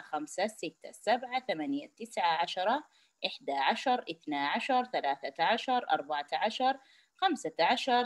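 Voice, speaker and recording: A kindergarten teacher leads a lesson for small children. Her voice sits at an ordinary middle pitch and sounds dry and close, with no room echo. She spells things out slowly and says many phrases twice. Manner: slow, clear, repeats each phrase for children. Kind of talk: recorded lesson for young children.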